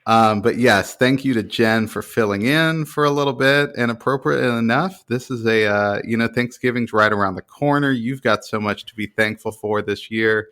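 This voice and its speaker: A man's voice: medium pitch, moderate pace, hardly any pauses, a bit bright. A man hosting a music podcast, chatting casually in an upbeat, enthusiastic way. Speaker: podcast host. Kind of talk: casual chat.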